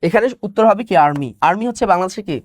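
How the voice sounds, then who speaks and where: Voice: mid-range voice, expressive, racing, dry recording, studio quality. An exam-prep teacher, giving a live online class, who asks questions, answers them and repeats the key words.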